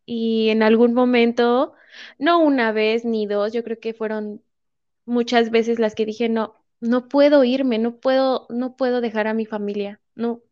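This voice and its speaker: A young woman with a Mexican accent tells her story with energy and acts out the voices of the people in it. Her voice sits a little high and sounds dry and close, with muffled, lo-fi audio. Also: unhurried, dry recording. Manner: lively storyteller acting out quotes. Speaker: guest. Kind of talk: casual interview chat.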